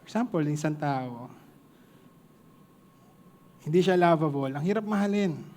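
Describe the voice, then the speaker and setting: A man's voice: fairly high pitch, lively intonation, moderate pace, warm tone. A man with a Filipino accent preaching a sermon to a congregation, mixing two languages and joking with the listeners.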